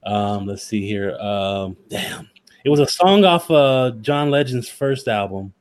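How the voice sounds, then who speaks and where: Laid-back man with lively pitch. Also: takes it slowly. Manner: laid-back, joking, laughs easily. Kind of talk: casual chat.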